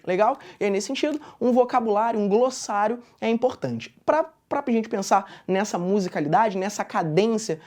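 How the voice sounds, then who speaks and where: A woman's voice: on the high side, a little mellow. A woman teacher from Brazil giving a recorded literature lesson, explaining step by step and checking in with short tag questions. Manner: recites verse slowly with marked stress. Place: school classroom studio at a board.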